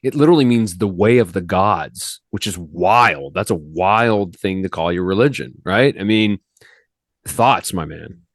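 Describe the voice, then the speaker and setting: A man's voice: sits low, expressive, measured pace, no echo, studio quality. A man hosting a faith podcast in a loose, rambling, slangy manner, with many restarts. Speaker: podcast host. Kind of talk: casual podcast chat.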